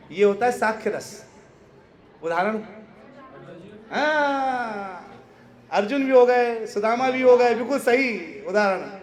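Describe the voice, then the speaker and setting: A man's voice: high voice, echoey room. A man giving a devotional discourse to a live audience, quizzing his listeners and laughing often as he teaches. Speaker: spiritual preacher.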